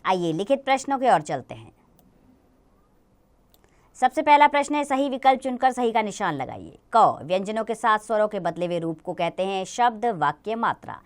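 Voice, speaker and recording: A woman teaches young children a grammar lesson, explaining slowly and patiently and often asking them questions. Her voice is medium-pitched and sing-song.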